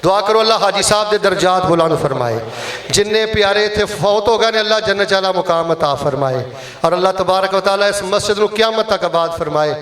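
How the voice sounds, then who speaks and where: A man's voice: high voice, brisk, fairly bright tone, roomy sound. A man with a Punjabi accent leading a mosque fundraising appeal during a Friday sermon, coaxing and blessing the congregation.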